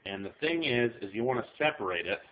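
A medium-pitched, expressive male voice moves at a quick pace as a middle-aged home cook explains a recipe in his small kitchen. Filming one-handed from above with a handheld camera, he chats with viewers folksily, and the audio is tinny and phone-like.

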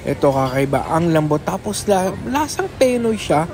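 A man's voice: fairly high pitch, sing-song, moderate pace, a crowd in the background. A man with a Filipino accent giving a casual food review with his mouth full of food, chatting to his viewers. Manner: chatty, repeatedly addresses viewers. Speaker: food vlogger. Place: restaurant.

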